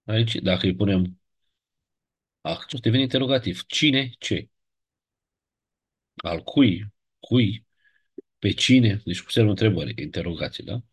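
A man with a very low, husky voice teaches a grammar lesson. He works patiently through word forms one by one and keeps checking in with short questions. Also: expressive, pauses often. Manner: patient, explains step by step, recites word forms. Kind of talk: ancient Greek grammar lesson.

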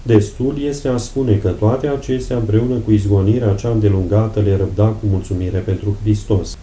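A man reading a saint's life aloud in a slow, measured, solemn devotional style. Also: fairly low pitch, fairly even intonation, dark tone, reverberant, a little hiss or hum. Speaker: reader of saints' lives.

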